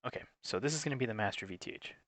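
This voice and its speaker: A technical support presenter with a fairly low, a bit bright voice walks through a hands-on tutorial step by step, unscripted. He is matter-of-fact and instructional yet expressive, speaking in rapid-fire fashion. The recording is dry, with very little room sound.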